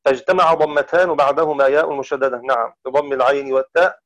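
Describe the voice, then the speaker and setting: A man teaching variant Quran readings, deliberate and methodical, slowing down to intone the quoted verses. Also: a little high, no echo. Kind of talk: explaining variant Quran recitations. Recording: dull dry lo-fi recording.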